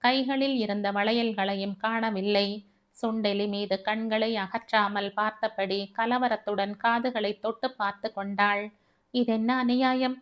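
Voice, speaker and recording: A woman's voice: medium pitch, fairly even intonation, unhurried. A woman reading a family novel aloud as an audiobook narrator, telling it dramatically. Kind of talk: scripted story narration.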